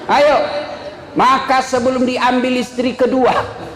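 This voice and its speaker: A man preaching a humorous sermon, animated, joking with the audience and firing off rhetorical questions. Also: very high-pitched, takes it slowly, noisy background. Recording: echoey hall reverb.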